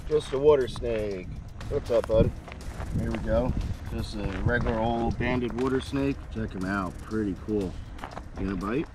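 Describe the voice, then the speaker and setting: A man in his thirties hosting a casual outdoor vlog on a dark rural road at night, chatty and excited, talking to the snakes he finds. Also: mid-range voice, normal speed. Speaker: fishing channel host. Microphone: action camera. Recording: noisy outdoor camera audio.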